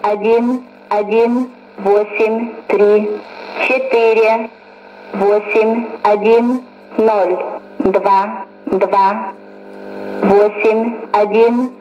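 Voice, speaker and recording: Female numbers-station voice, flat monotone, dull lo-fi shortwave sound under clear static hiss. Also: mid-range voice, extremely slow, long pauses. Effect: numbers station monotone, flat machine-like digit reading. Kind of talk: reading out digit groups. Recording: distant shortwave radio with static.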